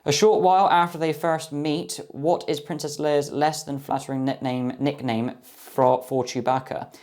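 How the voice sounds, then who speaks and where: A man's voice: on the high side, flat delivery, normal speed, a little mellow. A young man chatting casually as he opens a box of trading cards, enthusiastic and full of ums and guesses. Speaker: card box opener. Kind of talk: casual box-opening commentary.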